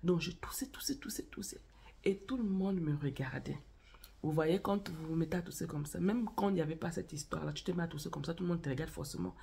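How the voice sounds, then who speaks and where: Her voice is deep and dark, marked by vocal fry and a breathy edge, and she talks at a quick pace. The channel host tells her viewers a story in a casual vlog on faith and marriage while nursing a cold and a cough.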